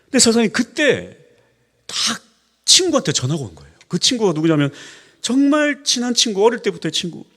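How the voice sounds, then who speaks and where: Husky, animated Korean pastor preaching. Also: male voice, high voice, fairly quick. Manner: animated storytelling, acting out quoted voices, rhetorical questions to the congregation. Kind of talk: Sunday sermon.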